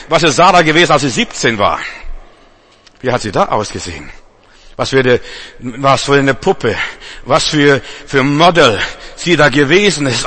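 A male preacher with a fairly high-pitched, sharp-toned voice delivers a sermon to a church congregation. He speaks emphatically, repeating himself, addressing listeners directly, and often stumbling and starting over.

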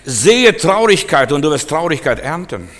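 A male preacher giving a sermon in an emphatic, repetitive way, swinging between loud and soft, recorded in a church hall. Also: a little high, big pitch swings, normal speed. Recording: long hall reverb.

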